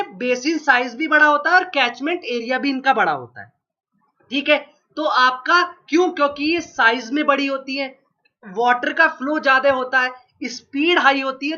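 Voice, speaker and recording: Sharp in tone and very high in pitch, a geography teacher's voice leads an exam review. He coughs now and then from a cold that has made his throat sore, drilling points through question-and-repeat. The recording is lo-fi and dull.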